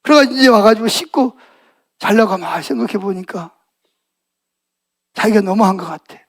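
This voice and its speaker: A man's voice: sits high, moderate pace. A middle-aged male pastor giving a Sunday morning sermon in a church, telling stories animatedly and asking the congregation questions. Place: church sanctuary.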